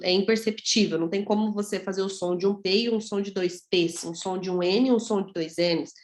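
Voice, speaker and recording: A woman's voice: mid-range voice, steady tone, fairly quick, a little mellow. A woman from Brazil teaching an English grammar lesson in a chatty way, often checking in with her students. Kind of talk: casual video lesson. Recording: echoey room.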